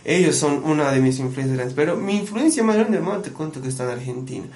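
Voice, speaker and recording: Man, musician guest, animated storyteller, slightly high voice, echoey room. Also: fast talker. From Bolivia. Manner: animated storyteller, often calls the listener "brother". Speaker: musician and producer, podcast guest. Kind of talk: casual podcast conversation. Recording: echoey room with faint background noise.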